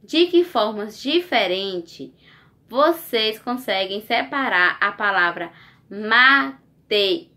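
Woman teacher, unhurried and bright, sing-song coaxing delivery for small kids at home. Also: medium pitch, lively intonation. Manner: slow, coaxing, sing-song teacher talk with tag questions. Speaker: primary school teacher. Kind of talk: recorded remote lesson for young children.

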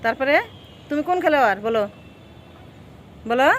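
A woman, talking casually and coaxingly to a child for a vlog, asking questions and giving gentle instructions outdoors by the water. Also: sits high, expressive, normal speed, slight background noise. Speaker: vlogger.

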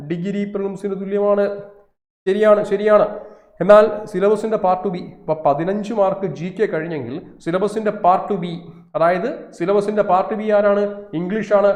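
A man's voice: high voice, a little mellow, echoey room. A man going through an exam syllabus as a coaching teacher, asking and answering his own questions and repeating key points for stress. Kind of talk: syllabus walkthrough lesson.

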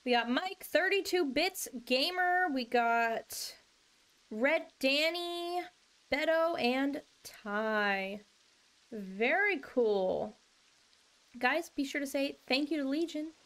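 A woman's voice: high-pitched, animated, slow, a bit bright. A young woman streaming a game, chatting casually with viewers in a bubbly, chatty way and laughing often. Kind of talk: casual live-stream chat.

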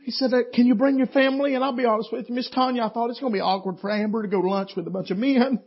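High-voiced preacher man, husky. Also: very fast. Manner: folksy, animated storytelling with laughs. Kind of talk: storytelling sermon. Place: church meeting. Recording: dull lo-fi church audio.

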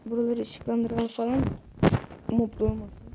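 High-voiced woman grumbling through gameplay. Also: monotone, measured pace. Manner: exasperated, exclaiming and grumbling at the game; talks to viewers directly. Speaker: gaming channel host. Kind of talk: casual let's-play commentary. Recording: dull lo-fi mic with loud hiss.

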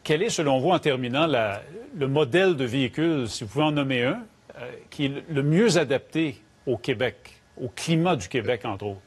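A man's voice: medium pitch, lively intonation, moderate pace, husky. A man in his fifties with a Québécois French accent, a TV news anchor in a studio asking direct, probing questions. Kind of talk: TV news interviewing.

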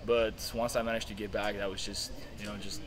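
A man's voice: fairly low pitch, flat delivery, brisk, poor audio. A young man, a college tennis player, giving a casual post-match interview outdoors at night by the courts, earnest and full of fillers. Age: young adult.

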